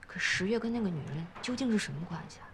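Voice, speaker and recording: A woman's voice: mid-range voice, lively intonation, very fast, a little hiss or hum, lightly acted. An actress playing a worried female colleague who presses her boss for answers. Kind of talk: television drama acting.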